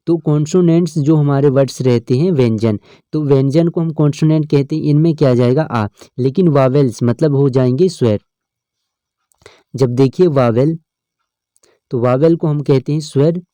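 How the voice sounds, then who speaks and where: A man's voice: fairly high pitch, moderate pace, mellow, dry recording. A male teacher, explaining an English grammar lesson step by step and often checking in with his students. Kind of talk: exam-prep lesson.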